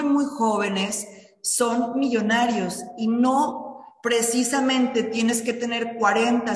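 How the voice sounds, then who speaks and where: Middle-aged woman, earnest motivational speaker, recorded in a reverberant room. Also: fairly high pitch. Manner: earnest, addresses listeners directly. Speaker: speaker on personal finance and habits. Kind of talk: motivational talk. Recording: echoey room with long reverb.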